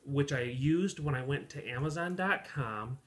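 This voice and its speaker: A man in his thirties co-hosting a home travel vlog, explaining tips slowly and deliberately, with playful asides. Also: mid-range voice, a bit bright. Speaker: vlog co-host. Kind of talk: casual chat. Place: living room at home.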